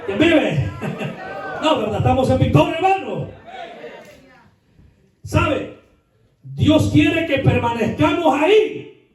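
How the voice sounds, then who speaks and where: A high-voiced man preaching in a church, his voice ringing through a very echoey hall as he stands back from the mic. He drops to quiet asides, then bursts into shouts and fires off rhetorical questions at the congregation. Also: lively intonation, takes it slowly, long pauses, recorded from a distance, a faint crowd. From El Salvador. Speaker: pastor. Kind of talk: sermon.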